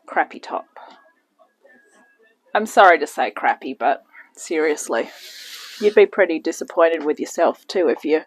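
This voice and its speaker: A woman's voice: low-pitched, low-quality recording. Woman, casual cooking demo, rambling asides, home kitchen, phone camera on the counter. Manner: chatty, self-deprecating, rambling asides. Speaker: home cooking channel host.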